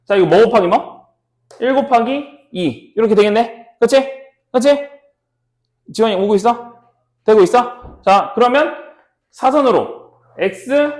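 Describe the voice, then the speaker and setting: A male math teacher with a high, very lively voice, explaining each step and constantly asking students if they follow. He is recorded in an echoey classroom. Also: slow pace. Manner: checks in often with students, repeats steps. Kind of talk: classroom lecture.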